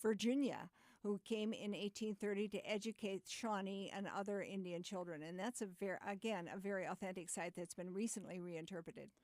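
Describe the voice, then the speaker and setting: An American woman speaking as an author guest in a radio interview, explaining with careful, deliberate phrasing. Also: mid-range voice, fairly even intonation, darkish tone, no room sound, clean studio sound.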